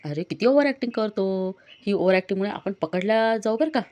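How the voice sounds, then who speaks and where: A woman's voice: mid-range voice, lively intonation, fast, warm tone, natural voice. A woman voicing a young husband who hurries and schemes, read in her own voice. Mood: insistent.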